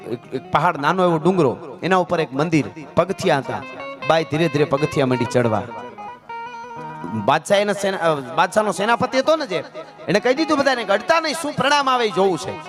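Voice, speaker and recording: A man's voice: high voice, lively intonation, brisk. A man telling a folk story on a live stage, dramatic and rhythmic, joking with the audience. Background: folk instrumental music.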